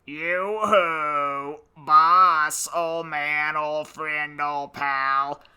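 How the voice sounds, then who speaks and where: A man's voice: on the high side, steady tone, sharp tone, clear, resonant tone, exaggerated voice. A man voicing a sulky, wheedling male pet parrot on a storybook record. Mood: pleading. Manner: whiny, pleading, slow and drawn out.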